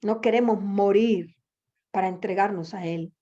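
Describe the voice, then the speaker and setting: A woman's voice: medium pitch, unhurried, dark tone. A woman preaching a sermon, exhorting her listeners with rhetorical questions and repeated phrases. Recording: dull lo-fi recording.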